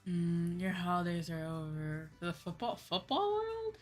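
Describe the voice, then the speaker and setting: Over background music, a virtual streamer and livestream host talks with her viewers in a loose, rambling way, thinking out loud and returning to earlier points. Her voice sits fairly low, sounds animated, and moves a little slowly.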